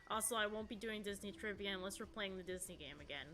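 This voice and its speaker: 30s lady streamer, bright voice, just rambling thru chat qs. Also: medium pitch, fast, soft background music. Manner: chatty, rambling, reading chat aloud. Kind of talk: casual live-stream chat.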